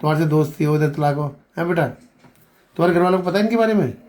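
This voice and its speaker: A man's voice: a little high, racing. A man questioning a couple, repeating each answer back and pressing them to speak up. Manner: probing, repeats answers back, urges louder speech; calls people beta. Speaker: interviewer. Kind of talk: on-the-spot questioning interview.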